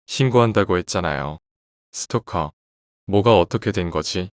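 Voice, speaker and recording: Man doing a scared young woman in a horror story, anxious, low dry voice. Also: lively intonation, moderate pace, dry recording. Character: frightened young woman, the teller.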